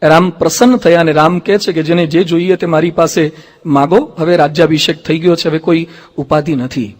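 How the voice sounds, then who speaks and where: Monk guy giving a sermon, high voice, acts out the story characters, long echo in the hall. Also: fairly quick. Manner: lively storyteller who acts out quoted speech. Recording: reverberant hall.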